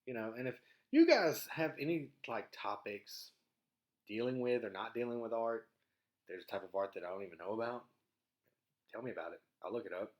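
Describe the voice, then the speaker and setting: A man's voice: medium pitch, expressive, a little fast. A young man from Mississippi with a Southern US accent hosting a podcast, chatting in a casual, rambling, slangy and laid-back way. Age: young adult. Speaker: podcast host. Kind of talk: casual rambling vlog chat. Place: small home studio. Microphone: dedicated podcast microphone.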